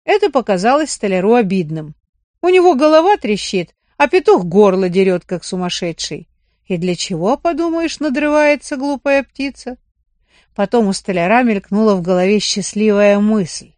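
A woman narrating a children's story in an animated, expressive storybook reading. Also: medium pitch, moderate pace, no echo.

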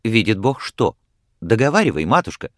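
A man's voice: on the low side, big pitch swings, moderate pace, no echo, studio quality. A man reading aloud voices a defiant nineteen-year-old son who argues insistently with his mother. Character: bold young man of nineteen, defiant and stubborn.

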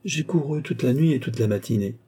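A man's voice: mid-range voice, husky. A man as a phlegmatic, gluttonous nobleman. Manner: unhurried, flat replies.

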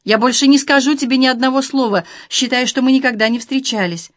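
A woman's voice: high-pitched, brisk, no room sound, clean studio sound, pitched above the performer's own voice, natural voice. A woman reading an audiobook, voicing an emotional lover on the phone who moves from hurt to cold fury. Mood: icy threat. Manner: hurt, then furious and cutting.

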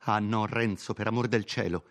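A man's voice: low voice, fairly even intonation, a little slow. A man voicing a tearful young village girl. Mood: pleading. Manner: pleading, gentle.

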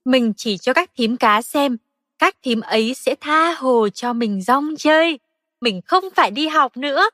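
A woman's voice: sits high, expressive, unhurried, a bit bright, dry recording, studio quality. A woman voicing a naughty young male frog who skips school, eager and boastful, then wailing for his mother. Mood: excited.

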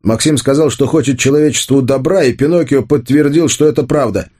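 A man reading an audiobook, voicing a sharp, defiant fifteen-year-old boy. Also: mid-range voice, a little fast, breathy edge, voice pushed up, close to an everyday voice.

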